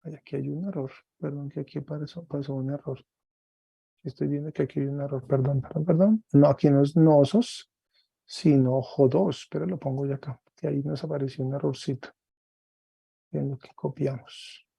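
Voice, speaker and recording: A man teaching a Greek class online, explaining slowly step by step and often checking with "¿cierto?". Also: fairly high pitch, steady tone, vocal fry, dark tone, slightly rough, dry recording, lo-fi sound.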